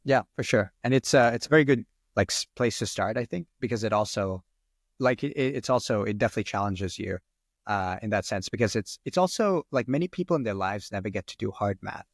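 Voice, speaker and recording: Answering podcast questions at a fairly quick clip, this fairly low-voiced man rambles casually and fills his speech with "like" and "um." He's a guest in his twenties from Sri Lanka whose first language is Arabic, heard in clean studio sound with no room sound.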